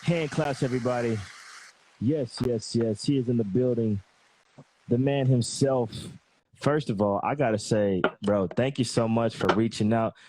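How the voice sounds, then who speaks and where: A man's voice: mid-range voice, moderate pace, warm tone, a little hiss or hum. A man hosting a podcast, chatting in a laid-back, friendly way with lots of fillers over a remote call. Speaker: podcast host. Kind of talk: casual interview chat. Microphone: remote call microphone.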